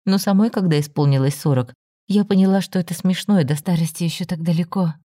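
A woman voicing a composed forty-year-old woman who speaks calmly and firmly, in a plain, matter-of-fact way. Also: on the low side, fast, no room sound, studio quality, close to an everyday voice. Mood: exasperated. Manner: calm, firm, matter-of-fact. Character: calm, firm woman of forty, tired but composed.

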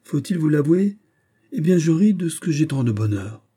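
A man's voice: a little high, sing-song, moderate pace, dark tone, husky, voice pushed up. A man reading a pompous, boastful musketeer. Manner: pompous, delighted with himself. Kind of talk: audiobook character voice.

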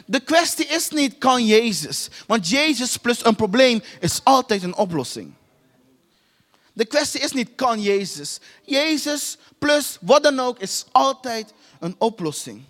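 A man's voice: extremely high pitch, big pitch swings, unhurried, fairly bright tone. A man preaching a sermon with emphatic repetition and rhetorical questions to his listeners. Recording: long hall reverb.

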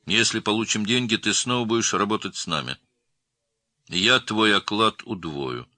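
A man's voice: lowish voice, normal speed, sharp tone, dry recording, clean studio sound, pitched above the performer's own voice. An audiobook reader voicing an eager male gang boss who speaks in an emphatic, coaxing way. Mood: pleased.

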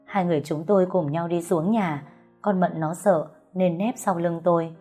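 A woman telling a ghost story in the first person, in a steady, plain storytelling manner. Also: fairly low pitch, normal speed. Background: faint music.

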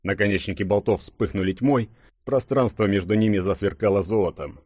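Brief: male audiobook narrator, low voice, dramatic measured delivery, dry close sound. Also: darkish tone, slightly rough, dry recording.

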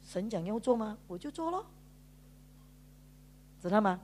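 A woman's voice: mid-range voice, very animated, a little slow, a little mellow, a little hiss or hum. A woman pastor with a Malaysian Mandarin accent, giving an emotional sermon testimony in a storytelling way, drawing out sentence particles and mixing in English words. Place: church.

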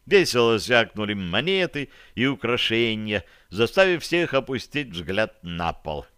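A man reading an audiobook in a measured, even scripted narration. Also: lowish voice, clean tone, no echo, studio quality.

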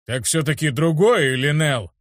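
A gruff, irritable grown man who brushes off every doubt, as a male narrator puts him on. His talk is brusque and impatient. The read sounds close and dry. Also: fairly high pitch, animated, normal speed, no room sound, voice pushed up, close to an everyday voice.

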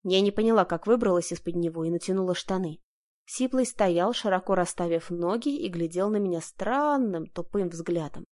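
A woman's voice: lowish voice, moderate pace, a little mellow. A woman narrating a first-person audiobook in a dramatic, emotional reading.

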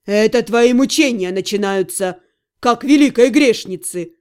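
A woman's voice: on the high side, normal speed, natural voice. A woman voicing a smug, sarcastic male demon lord in an audiobook. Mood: sneering. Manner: sneering, sardonic. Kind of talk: audiobook character reading.

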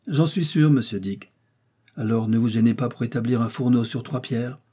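A man voicing an excitable, cheerful male servant in an audiobook, speaking eagerly and brightly. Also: medium pitch, normal speed, breathy edge, close to an everyday voice.

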